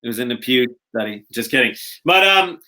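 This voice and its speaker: Co-hosting a casual podcast, a young man from America, later a resident of Israel, talks fairly fast in an animated, bright, forceful medium-pitched voice. He rambles, cracks jokes on the side, and keeps cutting himself off to restart.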